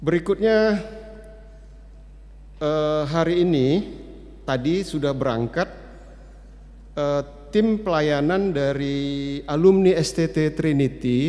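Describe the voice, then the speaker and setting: A man of about sixty giving church announcements in a relaxed, chatty way, with many hesitant fillers. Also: fairly high pitch. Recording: long reverb of a church hall.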